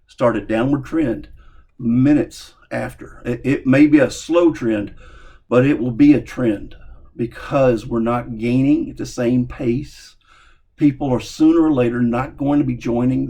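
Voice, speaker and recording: Southern us guy just talking opinions to camera, raspy and creaky, folksy, kinda halting, repeats himself. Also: medium pitch, darkish tone. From Southern United States. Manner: halting, repetitive, informal, folksy. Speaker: amateur video commentator. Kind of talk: casual opinion monologue to viewers.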